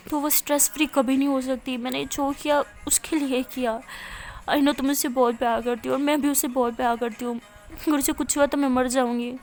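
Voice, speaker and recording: Woman voicing a soft, protective young woman. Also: sits high. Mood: pleading. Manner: soft-spoken, coaxing.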